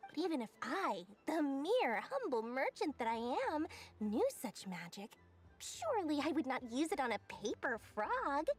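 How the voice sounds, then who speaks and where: An actress playing a money-loving festival merchant who serves customers with theatrical sales patter in a video game. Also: female voice, high voice. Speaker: stall merchant serving customers like a sales clerk. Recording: background music.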